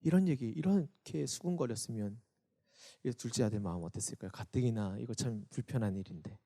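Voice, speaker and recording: A man, a youth pastor, preaching a Sunday sermon for an online service; he acts out quoted voices, rising loud and then dropping soft. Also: on the low side, brisk.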